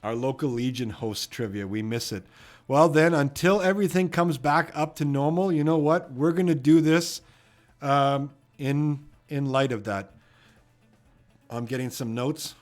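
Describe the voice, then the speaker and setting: Faint music plays behind a man hosting a trivia live stream. He's from Edmonton, has a Canadian accent and a mid-range voice, and talks a little slowly. Reading viewer comments, he rambles in a loose, chatty way, leaning on fillers and "you know what".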